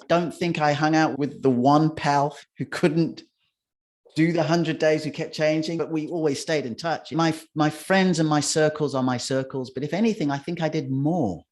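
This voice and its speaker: A man's voice: a little high, normal speed. A middle-aged man, a guest in a casual interview, telling rambling anecdotes with restarts and acting out quotes. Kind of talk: casual storytelling conversation.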